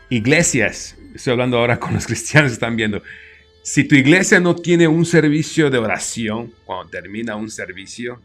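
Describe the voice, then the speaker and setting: A man's voice: mid-range voice, a bit bright. Hesitant male interview host. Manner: hesitant, stammering asides. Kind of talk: casual interview chat.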